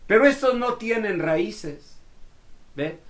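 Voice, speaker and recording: A male pastor preaching a sermon, swinging from loud exhortation to hushed near-whispers. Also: sits high, animated, takes it slowly.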